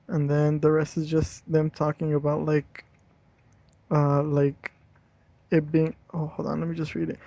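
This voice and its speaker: Slangy and profane, a young story reader alternates between narrating a horror tale and casual chatter, his slightly high voice dark in tone. It's a roomy home recording with a dull, lo-fi quality.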